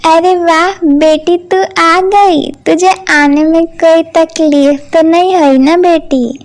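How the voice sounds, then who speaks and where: A woman voicing a cruel, harsh stepmother who scolds and shouts in a cartoon story. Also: sits high, slow pace. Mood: doting. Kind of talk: cartoon voice acting.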